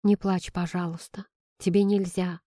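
A tender, protective young man , played by a woman reader, speaking in a soft, hushed way. The voice is warm and mellow. The recording is dry and intimate. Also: lowish voice, little pitch movement, moderate pace, dry recording, close to an everyday voice.

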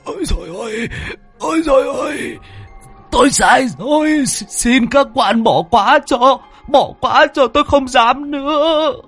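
A man voicing a drunk old man who wails and begs for mercy in a high, quavering voice. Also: a little slow, a bit bright, husky, soft background music, full character voice. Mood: wailing pleas. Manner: whimpering, begging in a high quavering wail. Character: old drunk male ghost-seer, wailing and pleading.

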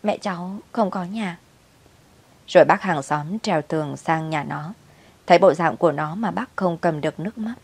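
Low-voiced woman telling a story. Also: fairly quick, gravelly, a little mellow, slightly rough. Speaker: narrator. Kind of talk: storybook narration.

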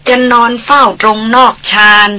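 A woman voicing a polite, teasing male jungle hunter in a storybook reading, speaking softly and coaxingly. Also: normal speed, close to an everyday voice. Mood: pleading.

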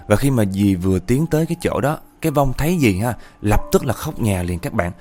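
A man telling a ghost story in a chatty, animated way, often speaking to his listeners. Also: lowish voice, brisk, faint music behind. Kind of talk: casual ghost-story narration.

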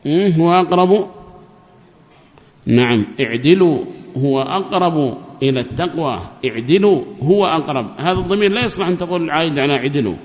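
A man's voice: on the high side, expressive, brisk. A man teaching a lecture on religious rulings, explaining carefully and repeating key phrases. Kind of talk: classroom lecture on Quranic rulings. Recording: dull, echoey lecture recording.

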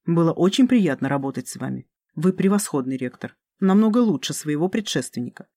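A narrator doing a nervous hurried male professor. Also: medium pitch, expressive, dark tone, dry recording. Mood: apologetic. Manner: apologetic, hurried. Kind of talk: audiobook character reading.

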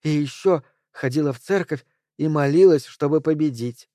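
Unstable gun-waving woman, high and shrill, male reader doing her. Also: normal speed, a little mellow, no room sound, studio quality, natural voice. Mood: excited. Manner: shrill, emotional outbursts.

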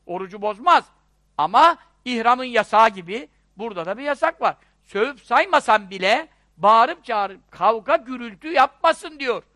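A man preaching a religious lecture, lively and rhetorical, asking questions and acting out little dialogues. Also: very high voice, no echo, studio quality.

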